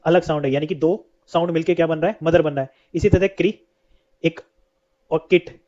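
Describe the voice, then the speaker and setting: A man leads an English lesson, raising a question only to answer it himself at an even, steady pace. He has a fairly high voice that's mellow and soft-edged, and the audio is dull and lo-fi.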